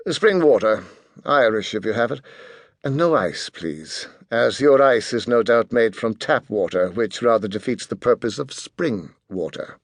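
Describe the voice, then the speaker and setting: A haughty teenage prodigy who speaks with clipped, condescending precision, as an audiobook narrator gives him voice. The sound is dry and close. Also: male voice, lowish voice, expressive, measured pace, no room sound. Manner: cold and condescending.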